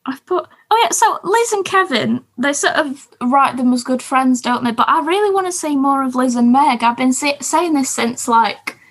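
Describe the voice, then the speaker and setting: A woman's voice: high-pitched, lively intonation, moderate pace, few pauses, fairly bright tone. A woman co-hosting a podcast, chatting enthusiastically about TV shows with lots of fillers. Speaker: podcast co-host. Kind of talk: casual chat about TV shows.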